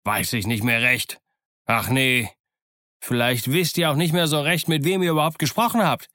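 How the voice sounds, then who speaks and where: A man voicing a cunning, blustering one-legged old sea cook with gruff, booming outbursts, in an audiobook. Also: sing-song, moderate pace, a bit bright, no room sound, studio quality. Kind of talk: audiobook character voice.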